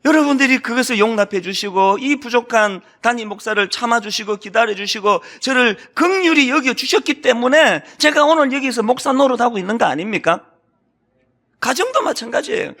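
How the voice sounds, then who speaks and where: A middle-aged man preaches from a church pulpit mic, his voice pitched high and bright with a forceful edge. He tells stories animatedly, acting out quotes and then dropping to hushed, low asides. His pitch swings widely from phrase to phrase. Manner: animated storytelling with acted quotes and sudden hushed drops. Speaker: senior pastor. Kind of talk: sermon. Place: church sanctuary.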